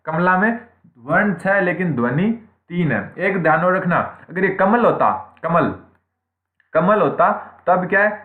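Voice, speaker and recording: A man's voice: sits high, animated, a little slow. A man teaching Hindi grammar in an online exam-prep class, who keeps asking questions and answering them himself and checks in with "theek hai" after nearly every point. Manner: repeats points, asks and answers own questions. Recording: echoey room, tinny phone-like sound.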